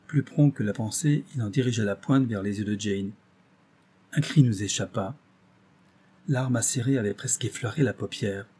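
A man narrating a literary audiobook at a measured pace, expressive in his delivery. His voice is mellow and dark, with a husky edge. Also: lowish voice. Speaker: audiobook reader.

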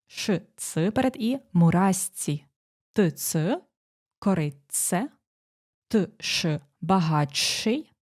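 A woman teacher explaining exam phonetics, pronouncing sample words slowly and walking through each rule step by step. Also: on the low side, a little mellow. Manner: dictating sounds slowly, explaining rules step by step. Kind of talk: exam prep lesson.

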